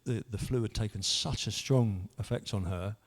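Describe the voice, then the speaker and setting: At a moderate pace and in a lowish voice, a man in his 50s gives a personal testimony as a church member. His earnest account of his own life rambles and keeps restarting.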